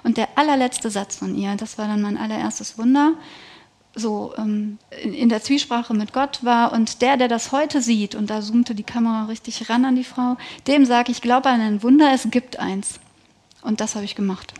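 Woman, interview guest, faith testimony, earnest, emphatic, slightly high voice. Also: moderate pace, a little mellow. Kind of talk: personal faith testimony in conversation.

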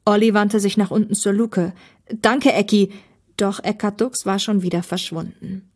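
Woman narrator, expressive storytelling, medium pitch, young adult. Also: moderate pace, husky. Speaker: narrator, author and reader. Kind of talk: storytelling reading.

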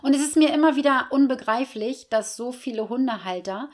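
Lively, emphatic woman talking dog training. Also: high voice, fairly quick. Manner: lively, emphatic, often adds "ne?" and acts out her dogs' thoughts. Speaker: podcast co-host, dog trainer. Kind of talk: casual podcast chat.

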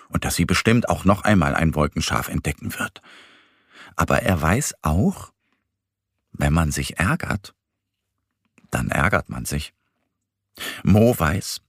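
Deep-voiced gentle male story narrator. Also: slightly rough, no echo, studio quality. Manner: slow, gentle, expressive storytelling. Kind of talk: children's bedtime story narration.

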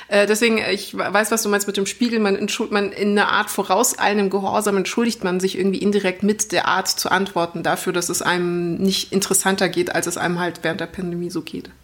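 A woman's voice: medium pitch, little pitch movement, fast talker, few pauses. A woman co-hosting a casual podcast conversation, articulate and ironic, with fillers and hesitations. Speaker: podcast co-host.

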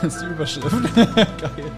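Giggly higher-voiced male podcaster. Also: lively intonation, a little slow, music in the background. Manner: giggly, throws in English quips. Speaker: podcast co-host. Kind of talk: comedy podcast banter.

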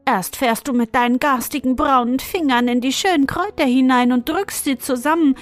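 A woman's voice: a little high, a little slow, fairly bright tone, soft background music. A woman voicing a bold little market boy who scolds an old woman in a storybook reading. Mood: indignant. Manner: scolding, cheeky.

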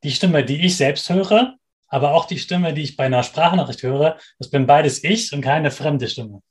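A man's voice: fairly high pitch, moderate pace. A man hosting a children's podcast, friendly and restating the answers from a child's point of view. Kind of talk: interviewing for children.

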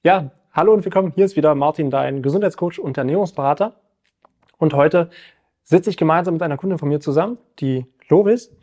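Man hosting a coaching podcast, warm-toned. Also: fairly high pitch, a little fast. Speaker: podcast host and nutrition coach.

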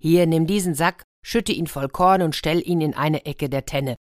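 A woman's voice: low voice, normal speed, no room sound, studio quality, natural voice. A woman putting on a sly old devil, mocking and whiny. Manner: mocking, later whining.

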